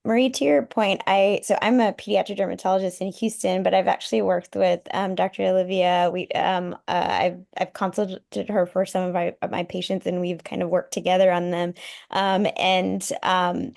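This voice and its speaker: Flat, creaky-voiced woman doctor. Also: fairly low pitch. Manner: measured, complimentary. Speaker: pediatric dermatologist.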